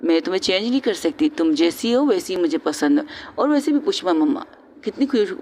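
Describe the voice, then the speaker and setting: A woman voicing Zoya, a gentle, affectionate young woman who speaks in a soothing, reassuring way. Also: on the low side, animated, fairly quick, slight background noise.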